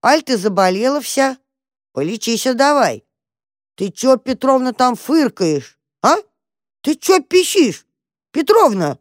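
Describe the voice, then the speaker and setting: A folksy old granny nags and chatters down a crackly call, as a woman puts her on for a storybook. The voice is pitched a little higher than the reader's own, sounding close and dry. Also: big pitch swings, takes it slowly, no echo, full character voice. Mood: nagging. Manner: folksy, nagging.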